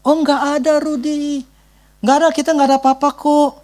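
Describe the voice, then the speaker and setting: Brief: a preacher playing an evasive older pastor, high and airy, brushing it all off. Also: male voice, flat delivery, moderate pace, darkish tone. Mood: dismissive. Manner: breezy, dismissive reassurance.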